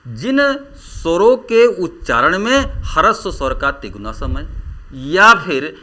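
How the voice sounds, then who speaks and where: A man teaching Hindi grammar in a lecture, drawing out vowels slowly as he demonstrates them. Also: a little high, sing-song, sharp tone. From India. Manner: slow, drawn-out vowel demonstrations. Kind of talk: classroom lecture.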